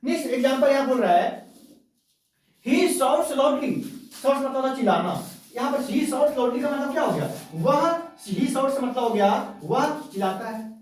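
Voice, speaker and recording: A woman teaching a grammar lesson to a class, repeating each point slowly and asking rhetorical check questions. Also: high voice, animated, darkish tone. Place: classroom with students. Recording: very echoey room, voice from far off.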